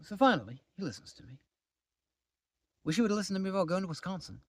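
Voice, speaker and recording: A man recounting his own misadventures in a casual vlog, his voice swinging up and down with a slightly high pitch. He sounds exasperated, often sinking into low asides. The sound is close and completely dry. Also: fast, breathy edge, no room sound. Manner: animated, exasperated storytelling, drops to low mutters. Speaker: vlogger. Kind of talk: casual storytime.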